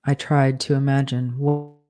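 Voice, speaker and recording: Writer dictating fiction, spoken punctuation; mellow tone, unhurried delivery. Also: medium pitch, soft background music. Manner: measured, flat dictation, spelling out punctuation and corrections.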